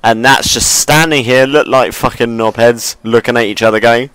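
A man's voice: mid-range voice, fairly even intonation, normal speed, fairly bright tone, clean tone, no echo, low-quality recording. A man chatting casually over voice chat while gaming, joking and swearing. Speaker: gaming video host.

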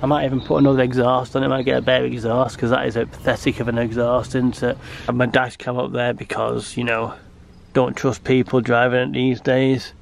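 A British man in his thirties records a car vlog from a parked car, sounding nasal from a cold. He talks casually and rambles with many restarts, his medium-pitched voice gravelly, brisk, and flat, with a little hiss or hum in the background.

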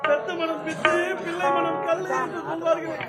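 An actor playing Parasurama, a stern young warrior son with an axe, in a village stage drama, declaiming formally and shouting questions. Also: male voice, extremely high pitch, little pitch movement, normal speed. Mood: grieving. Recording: echoey live stage with loud music.

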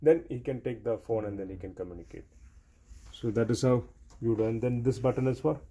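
Speaking a little fast in a mellow, mid-range voice with a breathy edge, this man demonstrates equipment as a technician. His hands-on instruction moves step by step and goes over points repeatedly.

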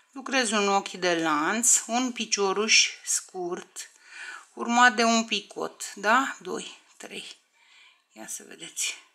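A woman's voice: mid-range voice, sharp tone. A woman teaching a crochet tutorial step by step, counting stitches aloud, often under her breath, and checking in with viewers.

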